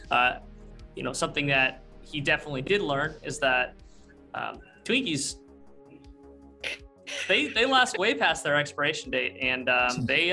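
A man speaking casually as a tabletop game player, thinking aloud in a halting way. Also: a little high, creaky, bright, forceful tone. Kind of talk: casual reflection on a game character.

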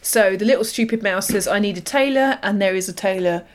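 A woman's voice: mid-range voice, a little fast. A woman co-hosting a podcast, retelling a story with wry, dry asides in a casual chat. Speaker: podcast co-host. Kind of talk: casual comedic recap chat.

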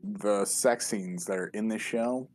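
A man's voice: fairly low pitch, unhurried, a little mellow, soft background music. A man co-hosting a casual chat about TV, mostly chiming in with short agreeing remarks. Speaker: podcast co-host.

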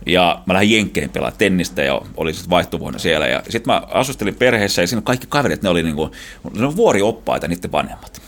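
A middle-aged man from Finland tells adventure stories as an interview guest. His voice sits low but moves up and down a lot. He laughs often and restarts his sentences as he goes. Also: lively intonation, fairly bright tone. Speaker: guest, explorer. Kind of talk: casual storytelling.

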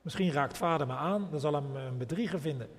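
Man reading young younger son, calm, scripture reading, fairly high voice, long church reverb. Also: quick pace, close to an everyday voice. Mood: anxious. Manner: calm read-aloud voice.

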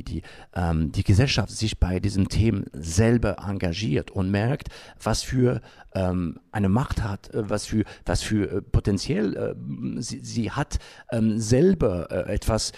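This interviewee, founder of an environmental association, gives spontaneous answers full of lengthy hesitations as he gropes for words. His voice is lowish and gravelly, with a darkish tone.

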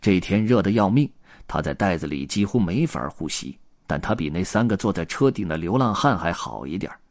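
Man, children's storyteller, expressive, animated pitch, dry close sound. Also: fairly quick, no room sound. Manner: expressive, voices the characters.

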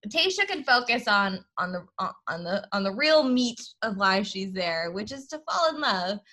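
An American woman hosting a podcast in casual, chatty recap style, with vocal fry and a Valley Girl delivery. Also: medium pitch, very animated, normal speed, sharp tone. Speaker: podcast host.

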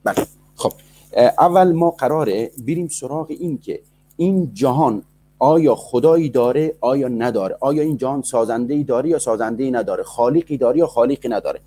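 A man's voice: mid-range voice, warm tone. A man in an online debate, speaking politely and formally and posing many rhetorical questions. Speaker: debater defending belief in God.

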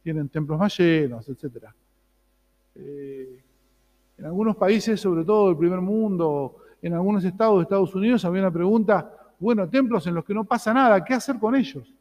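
A pastor with a Rioplatense Spanish accent preaches a sermon conversationally, repeatedly asking the congregation "¿no?" for agreement. His voice is high and darkish at normal speed, heard in a large hall on dull audio.

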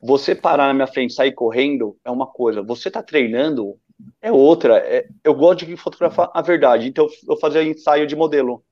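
A man's voice: mid-range voice, a little fast, darkish tone. A Brazilian man, a photographer guest, telling rambling stories with enthusiasm in casual podcast chat. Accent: Brazilian Portuguese. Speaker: running-event photographer, guest. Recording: dull lo-fi sound.

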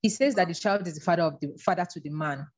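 A woman guest in an interview, talking in an earnest, measured way about her past and her faith. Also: fairly low pitch. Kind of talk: reflective interview talk.

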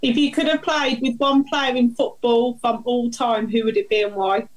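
A woman with a Brummie accent, co-hosting a podcast and firing quick questions at a guest in a brisk, friendly way. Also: a little high, fairly even intonation, rough recording. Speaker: co-host asking questions. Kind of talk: quick-fire interview questions.

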